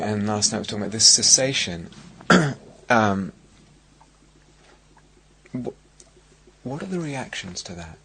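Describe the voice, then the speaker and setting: A middle-aged man with an English accent giving a dharma talk as a meditation teacher, speaking in a reflective, halting way with many restarts. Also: on the low side, creaky, fairly bright tone, a little hiss or hum. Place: meditation hall at a retreat centre.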